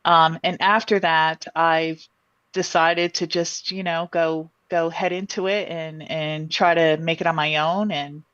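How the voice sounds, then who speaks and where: A woman with a low voice answers interview questions, stopping often to restart her sentences. Her sound is dull and muffled, and the room is dry and close. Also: steady tone, unhurried, fairly bright tone, dry recording. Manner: thoughtful, many ums and restarts. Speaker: guest, insurance executive.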